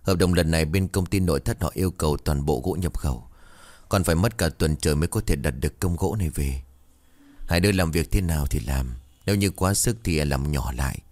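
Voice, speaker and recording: A man voicing a young widowed woman who speaks gently and soothingly to her mother-in-law. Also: rumbling low, brisk, no echo. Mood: gentle.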